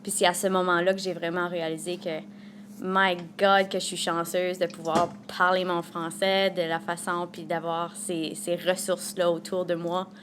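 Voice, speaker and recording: Woman from new brunswick talking about her story, slightly low voice, faint noise behind. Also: level tone, normal speed, fairly bright tone. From northern New Brunswick, Canada. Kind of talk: personal testimony.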